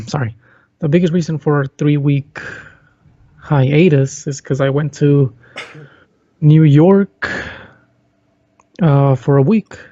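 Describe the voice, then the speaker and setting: A man's voice: fairly high pitch, slow, long pauses, warm tone, no echo, lo-fi sound. A man co-hosting a podcast, telling a story in easygoing casual chat. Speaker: podcast co-host.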